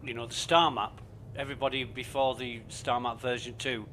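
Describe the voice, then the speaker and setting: A man's voice: medium pitch, fairly even intonation, moderate pace, bright, forceful tone, slight background noise. A male streamer grumbling and swearing to himself while giving casual commentary on his gameplay. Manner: talks to himself while playing. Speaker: game streamer.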